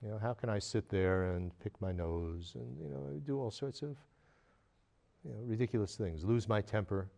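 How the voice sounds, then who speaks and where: A man giving a Buddhist teaching, talking in a loose, hesitant way with many pauses and fillers, often chuckling as he tells stories. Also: fairly low pitch, gravelly, dark tone. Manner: storytelling with frequent chuckles. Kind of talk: dharma lecture.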